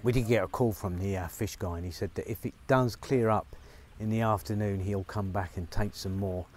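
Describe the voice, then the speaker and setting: A man's voice: on the low side, steady tone, moderate pace, a little mellow, slight background noise. Chatty middle-aged man outdoors. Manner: chatty, upbeat, many fillers. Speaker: vlogger on his farm. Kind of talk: casual vlog narration to camera. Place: outdoors on a rural farm, rainy. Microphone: lapel mic.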